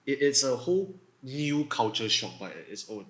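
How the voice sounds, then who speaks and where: A man's voice: medium pitch, expressive, normal speed, a bit bright, reverberant, low-quality recording. A man from Singapore with a Singaporean English accent, hosting a podcast in casual chat, hesitant with many fillers and restarts. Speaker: podcast host.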